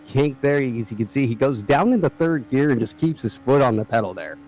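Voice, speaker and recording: A man's voice: mid-range voice, lively intonation, a little fast, darkish tone, soft background music, rough recording. A man with an American Midwestern accent giving laid-back, chatty live commentary on a sim race.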